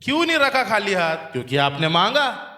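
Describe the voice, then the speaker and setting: A man's voice: high voice, very animated, normal speed, bright, forceful tone, roomy sound. A man preaching a sermon to his church, quizzing the congregation and having them repeat lines back. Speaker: pastor. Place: church hall. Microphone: handheld microphone.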